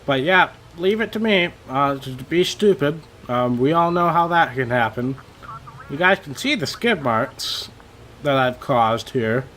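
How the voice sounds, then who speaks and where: A young man giving casual, rambling commentary over his racing game, a little hoarse and self-deprecating, with many fillers. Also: medium pitch, animated, unhurried, a bit bright, a little hiss or hum. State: slightly losing his voice. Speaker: gaming channel host.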